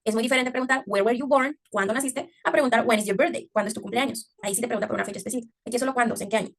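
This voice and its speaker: A woman teacher explaining English grammar in Spanish, often checking understanding with a quick "ok?" and slowing down to stress English words. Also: a little high, creaky. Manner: slows down to exaggerate English pronunciation. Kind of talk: online English class taught in Spanish.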